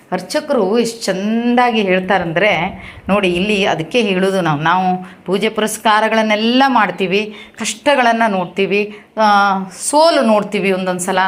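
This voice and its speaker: A woman from Uttara Kannada retelling a temple visit in a casual storytelling monologue, acting out the people she quotes. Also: mid-range voice. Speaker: vlogger recounting a temple visit.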